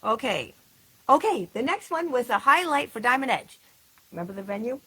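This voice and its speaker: Husky and sharp, her voice sits on the high side with a sing-song lilt at normal speed. She's a band member co-hosting a livestream recap, chatting casually about past gigs, laughing and using fillers along the way.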